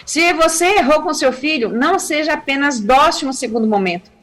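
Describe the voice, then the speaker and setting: High-pitched lady missionary chatting on tv about raising kids, acts out the quotes. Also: brisk. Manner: animated storytelling, acting out quotes, laughing. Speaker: missionary giving family advice on TV.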